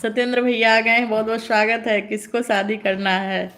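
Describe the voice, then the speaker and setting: A woman's voice: fairly high pitch, level tone, a little fast, fairly bright tone. A woman hosting a casual live stream, greeting viewers and teasing them with frequent laughter. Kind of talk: casual live-stream chat reading comments.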